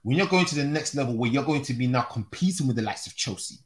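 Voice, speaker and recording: A man speaks casually as a football podcast panellist. His voice sits at a medium pitch, and he is emphatic, often repeating words and phrases while building a point. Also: expressive, quick pace.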